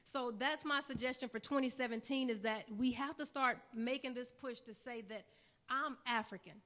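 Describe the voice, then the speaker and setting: A woman's voice: on the high side, moderate pace, fairly bright tone. A woman giving her remarks on a conference panel, earnest and building to rousing repeated lines before a room audience. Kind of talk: panel talk at a summit.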